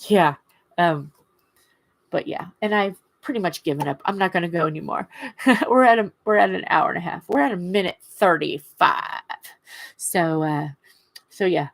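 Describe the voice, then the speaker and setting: A woman chatting casually and haltingly on a livestream, her words slightly impeded by a swollen lip. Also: on the low side, animated, vocal fry, no room sound. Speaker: craft livestream host. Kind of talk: casual rambling livestream chat.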